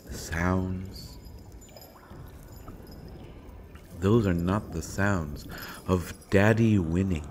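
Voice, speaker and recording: In a scripted audio roleplay, a man acts a sardonic villain speaking slowly from his prison, his very low voice dark in tone. He taunts theatrically, stretching out phrases with mocking pauses, while background noise is clearly audible.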